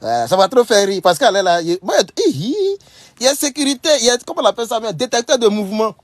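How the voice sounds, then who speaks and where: A man giving casual, animated commentary to his followers. He repeats himself often and laughs as he talks. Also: high voice, quick pace, no room sound. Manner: animated, repetitive, laughs often while talking. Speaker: online political commentator.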